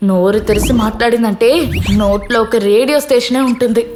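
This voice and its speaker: A woman's voice: a little high, steady tone, a little fast, natural voice. An actress dubbing a chatty young woman who earnestly rambles through her family story in a film comedy. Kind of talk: dubbed film comedy dialogue. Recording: film dub over loud background score.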